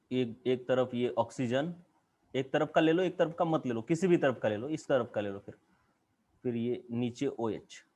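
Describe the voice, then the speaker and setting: A man's voice: medium pitch, a little mellow. A man with an Indian accent teaching chemistry in a classroom lecture, drawing at a board and asking the class question after question.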